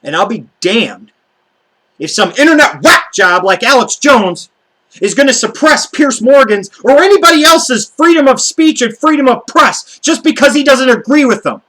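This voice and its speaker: A man's voice: very high voice, lively intonation, normal speed, pushed and bright, poor audio. An American man delivering an angry, profane political rant to camera, stressing his words heatedly. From United States. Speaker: video blogger.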